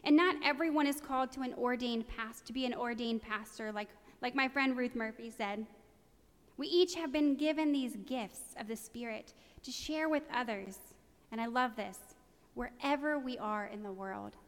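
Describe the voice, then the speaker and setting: A woman's voice: fairly high pitch, moderate pace. A woman preaching a sermon in an earnest, conversational way, with a touch of self-deprecating humor. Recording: long reverb of a large hall.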